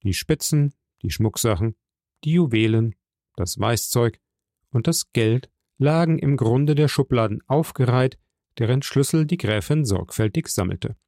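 A man narrates a classic novel in a measured, dramatic way. His voice is dark and mellow with a gravelly edge. The recording is dry and close. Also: medium pitch, lively intonation, dry recording. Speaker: audiobook reader.

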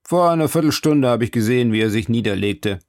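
A laconic prison guard who talks slowly and plainly, as a male narrator puts him on. The voice is gravelly and the sound dry and close. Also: medium pitch, lively intonation, darkish tone, no room sound, lightly acted.

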